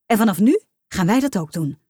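A woman's voice: mid-range voice, expressive, a little fast, darkish tone, no echo, studio quality, lightly acted. A woman voicing a theatrical, starstruck mother who draws out her words in swooning emphasis. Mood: gushing. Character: gushing middle-aged mother, starstruck and theatrical.

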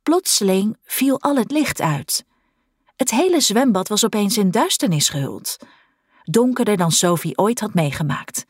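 A woman reading an audiobook aloud in an expressive storytelling manner. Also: medium pitch, unhurried, husky, no room sound, studio quality. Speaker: narrator. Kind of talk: audiobook narration.

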